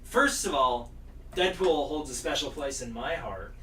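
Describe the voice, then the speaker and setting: A man's voice: medium pitch, expressive, unhurried, sharp tone. A man co-hosting a podcast, casually and jokingly retelling a movie plot in a rambling way. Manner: jokey, rambling storyteller. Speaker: podcast co-host reviewing movies. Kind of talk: casual chat. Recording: echoey room from far off, noisy.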